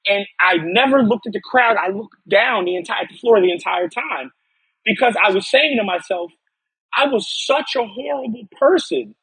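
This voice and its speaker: A man's voice: sits high, normal speed, fairly bright tone, husky, dry recording, poor audio. A man from upstate New York, a podcast guest telling his personal story earnestly, often restarting and repeating words.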